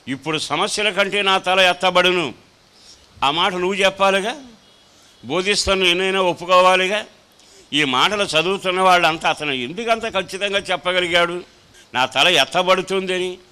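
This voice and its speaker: Bright, resonant preaching man. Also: high-pitched, clean tone. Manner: preaching with rising emphatic repetition; echoes his own scripture reading line by line. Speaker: pastor. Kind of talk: sermon.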